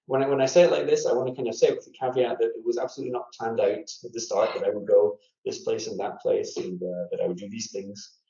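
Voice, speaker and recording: A man from Scotland, interviewed casually as a scientist guest, thoughtfully tells his story with plenty of fillers and restarts. His fairly low voice is dark and steady, with vocal fry and a quick pace, recorded in an echoey room with dull lo-fi sound.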